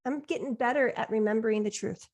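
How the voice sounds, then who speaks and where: Encouraging woman coach with gravelly edge. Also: on the high side, fast talker, darkish tone. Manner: encouraging, affirming, reflective. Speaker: life coach. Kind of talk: coaching session.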